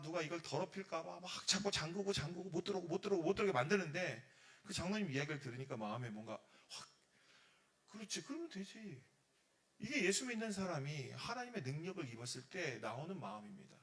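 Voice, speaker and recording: Pastor preaching to teens, raised voice that swings widely, breaking into loud acted-out quotes. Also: male voice, a little high, quick pace. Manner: animated, acts out prayers and God's words with sudden loud bursts. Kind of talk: sermon.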